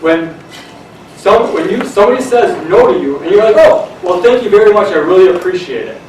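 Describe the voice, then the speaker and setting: A man giving a lively, conversational sales seminar to a room of people, acting out what customers say. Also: high voice, slight background noise. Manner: energetic, conversational, acts out quotes. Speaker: sales presenter. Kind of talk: seminar talk. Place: room with an audience. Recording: very echoey room, mic far off.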